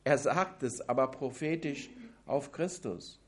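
A man's voice: mid-range voice, a little slow. A man preaching a sermon, speaking emphatically and addressing the congregation directly with pointed questions.

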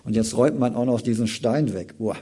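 A man preaching a Sunday morning sermon, reading scripture aloud and then commenting on it in a casual, lively way. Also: medium pitch, fairly quick, slightly rough.

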